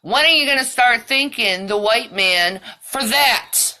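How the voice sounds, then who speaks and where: Woman vlogger, profane heated rant, slow delivery, sharp bright tone. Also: a little high. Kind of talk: ranting monologue.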